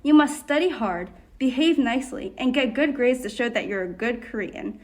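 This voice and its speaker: A woman's voice: on the high side, lively intonation, moderate pace, natural voice. A woman doing an earnest, caring mother. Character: caring, firm immigrant mother.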